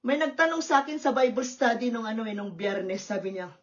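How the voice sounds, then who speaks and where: A woman pastor preaching a sermon at a church service, lively and often checking in with the congregation. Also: fairly high pitch, fairly quick, dull audio. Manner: lively, questioning the congregation with tag words.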